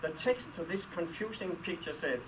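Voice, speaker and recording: Older Danish-accented man, after-dinner humorist, wry and dry, a bit high, heard from a distance with noise. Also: animated, normal speed. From Denmark. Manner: dry, wry storytelling with comic asides. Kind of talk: humorous luncheon speech. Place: hall with a live audience. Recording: distant mic, clear background noise.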